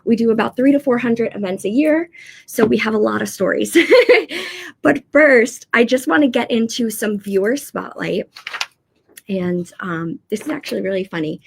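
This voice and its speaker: A woman's voice: fairly high pitch, normal speed, creaky, slightly rough. A woman co-hosting a livestream, upbeat and chatty, her voice a little froggy from allergies. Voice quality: slightly froggy. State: congested from allergies. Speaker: co-host. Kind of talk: livestream chat.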